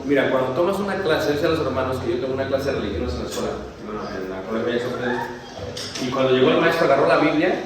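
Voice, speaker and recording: A male preacher who gives a lively sermon, jokes with the congregation, asks them questions and acts out the story. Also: a little high. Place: church hall. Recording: very echoey church hall, mic far off, faint noise.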